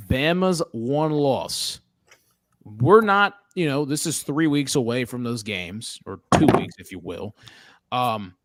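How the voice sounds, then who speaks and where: A man's voice: medium pitch, no room sound, studio quality. A man hosting a casual sports talk show, leading the talk and quizzing his co-hosts in a joking way. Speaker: podcast host.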